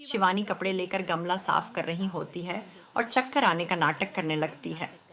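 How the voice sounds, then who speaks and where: A woman's voice: fairly low pitch, moderate pace, fairly bright tone. A woman narrating a scripted story as the storyteller.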